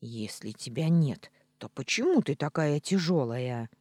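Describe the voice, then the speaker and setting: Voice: mid-range voice, expressive, unhurried, no echo, studio quality. A blustering talking tomcat, voiced by an audiobook reader. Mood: whining. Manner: loud blustering threats and complaints. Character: big fluffy tomcat, belligerent and theatrical. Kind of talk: audiobook reading.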